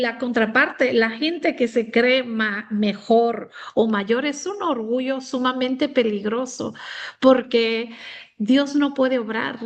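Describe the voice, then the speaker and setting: Slow-speaking woman teaching a Bible talk. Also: a little high. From United States, of Mexican descent. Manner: slow, reflective, with many fillers. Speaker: women's ministry speaker.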